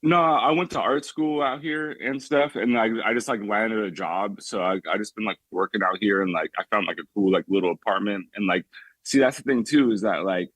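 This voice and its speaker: Calling in from the Bay Area, this young man chats loosely, leaning hard on "like" and starting over again and again. He speaks fairly quickly in a lowish, slightly bright voice, and the recording is dry.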